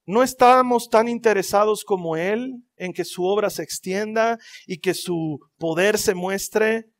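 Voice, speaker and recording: A man with a fairly high voice preaching in a church. He tells the story with lively, dramatic flair and joking asides. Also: a little slow. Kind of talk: sermon.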